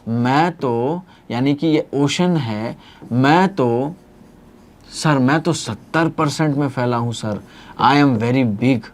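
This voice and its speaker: A man's voice: mid-range voice, takes it slowly, close to an everyday voice. Man doing a smug, boastful ocean. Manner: boastful and scornful. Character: huge boastful male ocean ecosystem, smug.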